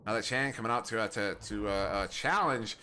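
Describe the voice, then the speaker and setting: A young American man from the United States, working as an esports caster, gives casual play-by-play commentary on a match, rambling, self-deprecating, and often chuckling. His voice is lowish, brisk, pushed, and bright.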